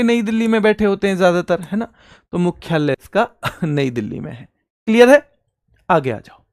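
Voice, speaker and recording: A man's voice: sits high, clean tone, no room sound, clean studio sound. A male exam coaching teacher giving an online exam-prep lecture, quizzing students and answering his own questions. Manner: quizzing students, calling them beta and bhaiya.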